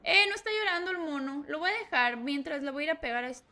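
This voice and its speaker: Excitable high-voiced Mexican woman streamer. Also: quick pace. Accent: Mexican Spanish. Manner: excitable, swears and shouts at the game. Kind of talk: live gameplay commentary.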